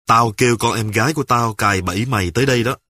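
A man's voice: mid-range voice, quick pace, pushed and bright, no room sound. A man voicing a cold, threatening gang leader. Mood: menacing.

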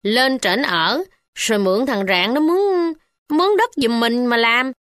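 A woman with a Southern Vietnamese accent voicing a bold, scornful poor village wife who speaks sharply and high. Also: animated, unhurried, no room sound, studio quality. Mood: scolding. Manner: sharp, scolding, raised pitch.

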